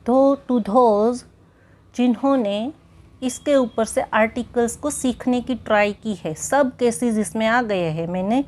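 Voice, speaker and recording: A woman with an Indian English accent, teaching a grammar lesson at a very unhurried pace. Her voice sits a little high, and she talks patiently, going over each point again and checking that the listener follows. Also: a little mellow.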